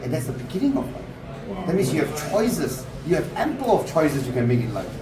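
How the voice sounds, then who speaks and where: A man in his thirties tells a story in a relaxed, halting way, tripping over repeated words. He sits back from the mic in a reverberant room. Loud crowd chatter fills the space around him. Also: on the high side, recorded from a distance. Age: 30s. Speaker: guest telling his story. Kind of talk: casual storytelling at a sit-down.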